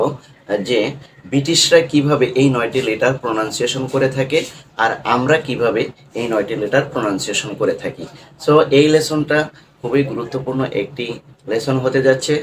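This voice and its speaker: A man's voice: medium pitch, slight background noise, rough recording. A man with a Bangladeshi accent teaching an online lesson, explaining patiently with fillers and repeated checks. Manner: explains slowly with repeated fillers and tag questions.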